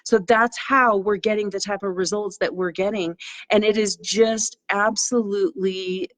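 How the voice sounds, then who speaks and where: A woman's voice: medium pitch, moderate pace, dry recording. A middle-aged woman who owns a martial arts studio, telling stories in a casual, enthusiastic interview and acting out the people she quotes. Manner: enthusiastic, acts out quotes in a lively voice.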